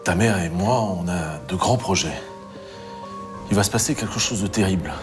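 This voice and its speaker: A man's voice: low-pitched, moderate pace, over music, natural voice. A man playing an earnest doomsday-believing father. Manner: earnest and insistent. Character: middle-aged father, a doctor gripped by doomsday belief. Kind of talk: docudrama acting.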